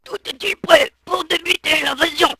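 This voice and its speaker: A man voicing a pompous, warlike alien leader giving imperious shouted orders in an animated short. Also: extremely high pitch, moderate pace, no echo, studio quality, exaggerated voice. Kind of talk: amateur animated short acting.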